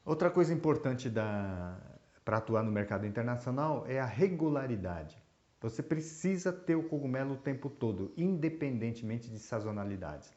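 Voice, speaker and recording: A man from Brazil talks through mushroom exporting at a middling pitch. He hesitates often and restarts his sentences. The recording is roomy and slightly muffled. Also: lively intonation, normal speed, darkish tone. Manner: hesitant, many fillers and restarts. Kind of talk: explanatory talk. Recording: roomy, dull lo-fi sound.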